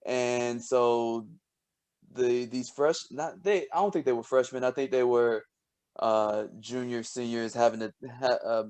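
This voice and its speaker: A man co-hosting a casual podcast, telling stories with lots of laughter and restarts, and dropping low and quiet when he quotes himself. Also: unhurried, clean tone. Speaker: podcast co-host, scientist. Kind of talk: casual storytelling chat.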